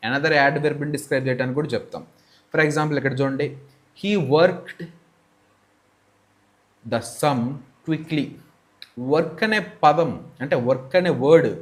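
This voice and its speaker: Male English teacher, Telugu accent, mid-pitched voice, patient step-by-step explainer who reads examples slowly. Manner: explains step by step, often asks and answers his own questions. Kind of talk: grammar lesson.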